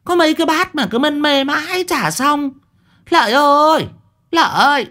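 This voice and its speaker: A man doing a shrill nagging village wife. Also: animated, measured pace, fairly bright tone. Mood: scolding. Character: shrill scolding village wife, middle-aged.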